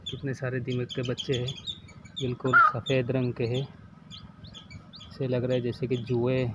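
A man's voice: mid-range voice, completely flat delivery, measured pace. A young man casually narrating a village vlog outdoors, chatting to his viewers as friends while filming on a phone. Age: young adult. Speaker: village vlogger. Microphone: phone camera held while walking. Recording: loud outdoor noise, phone mic. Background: chickens and birds outdoors.

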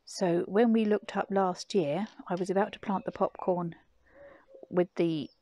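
A middle-aged woman casually narrating a gardening vlog, explaining things in a chatty, low-key way while filming on a phone. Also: steady tone, measured pace, mellow, dry recording. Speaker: gardening vlogger and parent. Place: garden outdoors and at home.

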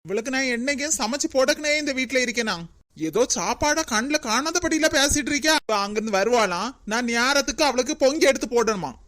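A woman's voice: high-pitched, brisk, fairly bright tone. A woman voicing a put-upon young daughter-in-law in a cartoon, pleading and anxious, with a Kanyakumari Tamil accent. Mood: upset pleading. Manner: plaintive, pleading. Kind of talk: cartoon voice acting.

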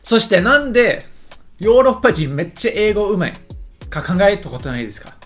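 This YouTuber has a high, brisk voice with big pitch swings, and soft music plays in the background. Reacting to a lesson video, he gives casual, joking commentary, often stumbling over his words and making fun of himself.

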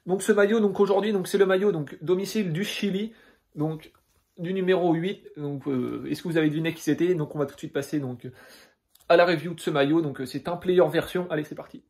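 A man's voice: on the high side, a little fast, darkish tone. A young man with a French accent reviewing a football jersey in a casual vlog, rambling and filling nearly every phrase with hesitations. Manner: rambling, fills every phrase with "donc" and "euh".

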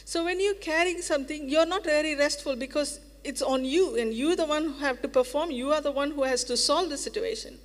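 High-voiced woman preaching in a church. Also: fairly quick, hardly any pauses. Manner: earnest, reassuring, repeats phrases for emphasis. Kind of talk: sermon. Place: church hall. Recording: reverberant church hall.

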